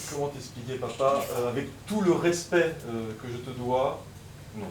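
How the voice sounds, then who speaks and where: A man's voice: mid-range voice, moderate pace, noisy background, close to an everyday voice. A man in an improv comedy playing an evasive, smug prankster son, hesitant and offhand. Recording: roomy stage from far, crowd behind.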